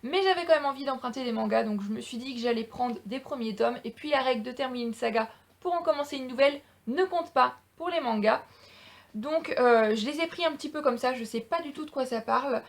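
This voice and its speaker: A woman's voice: high voice, fairly quick. A young woman with a French accent, chatting enthusiastically on a casual book haul vlog, with frequent hesitations. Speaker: booktuber.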